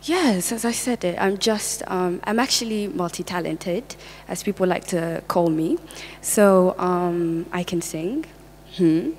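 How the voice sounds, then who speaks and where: A woman's voice: lowish voice, unhurried, a little mellow, a little hiss or hum. A young woman and pageant contestant performing a comedic stage sketch, playful and boastful. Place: large stage hall. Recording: hall reverb on stage.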